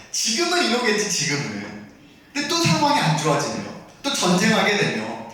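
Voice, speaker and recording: A man's voice: high voice, bright, forceful tone. A man preaching a sermon to a youth group, constantly asking his listeners rhetorical questions and briefly acting out the voices of a grumbling crowd. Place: church hall. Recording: very echoey hall, mic far off.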